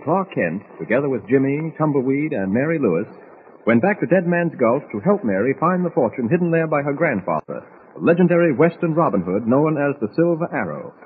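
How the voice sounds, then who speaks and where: Man telling the story on an old radio show, swoopy and expressive, kinda muffled with some hiss. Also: medium pitch. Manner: suspenseful, theatrical storytelling. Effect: old radio show broadcast. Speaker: narrator. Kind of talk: 1940s radio serial narration. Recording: dull lo-fi vintage radio transcription with faint hiss.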